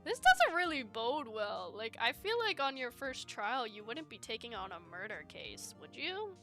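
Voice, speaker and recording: A woman's voice: fairly high pitch, very animated, normal speed, over music. A woman hosting a game playthrough, commenting casually with self-mocking giggles. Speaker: gaming channel host.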